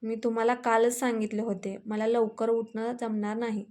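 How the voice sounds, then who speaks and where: A woman voicing a spoiled, sharp-tongued young wife in a storybook reading, snappy and complaining. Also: on the high side, little pitch movement, normal speed, natural voice. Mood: sulky.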